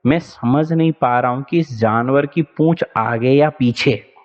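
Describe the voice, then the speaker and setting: A man voicing a hesitant, puzzled village man who speaks slowly and haltingly, in a story told during a lesson. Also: medium pitch, dull audio, close to an everyday voice.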